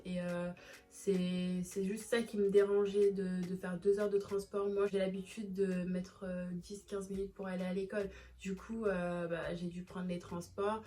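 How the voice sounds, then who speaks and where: Une jeune femme qui raconte une anecdote personnelle dans une vidéo, sur un ton de conversation décontractée, avec beaucoup d'hésitations et de reprises. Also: female voice, medium pitch, mellow. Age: young adult. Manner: chatty, many fillers and restarts. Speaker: vlogger. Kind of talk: casual storytime.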